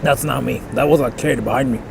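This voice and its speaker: Walking outside on a live stream, a young bilingual English and Japanese speaker chats loosely and reads viewers' comments aloud, faint traffic and street sounds behind him. He talks briskly at a medium pitch, with fairly even intonation and vocal fry.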